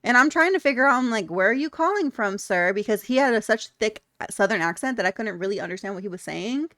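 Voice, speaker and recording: A woman's voice: on the high side, quick pace, bright, forceful tone, no room sound. Blunt young woman streamer, dry sound. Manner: candid and blunt, laughing often, swearing freely. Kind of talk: casual chat reading viewer comments.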